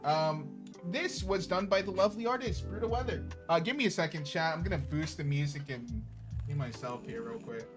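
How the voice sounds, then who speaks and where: A man's voice: on the high side, lively intonation, moderate pace. A man hosting a tabletop game stream, chatting casually with many fillers and the odd swear word. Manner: rambling, full of fillers and swearing. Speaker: stream host. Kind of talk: casual chat before a tabletop session. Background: faint background music.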